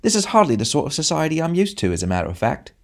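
Man putting on a small scowling snob, much higher voice, sniffy and loud. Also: big pitch swings, very fast. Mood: snooty. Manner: haughty and peevish. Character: very short scowling snobbish man.

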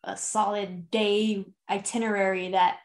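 A woman's voice: mid-range voice, little pitch movement, a little slow. Friendly woman podcast co-host. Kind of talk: casual interview.

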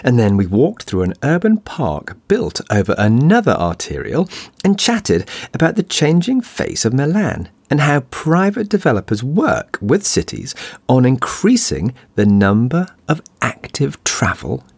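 A man narrates a podcast from a script in a croaky, hoarse voice. His pitch swings widely as he reads, breaking up with huskiness. The sound is dry and close, with faint music. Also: wildly swooping pitch, unhurried, a little mellow, no room sound. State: hoarse from shouting. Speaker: podcast host.

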